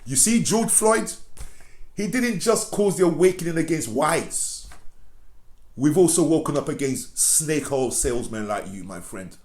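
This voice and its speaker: A man's voice: mid-range voice, darkish tone. A man giving impassioned online commentary, speaking directly to the person he criticizes and repeating phrases for emphasis. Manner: confrontational, addresses his target directly, repeats phrases. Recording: roomy echo.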